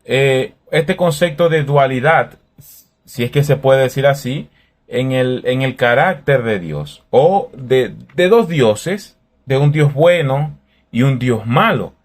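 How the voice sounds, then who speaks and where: A man from Venezuela, hosting a calm, thoughtful faith talk in a conversational way. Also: mid-range voice, slow pace.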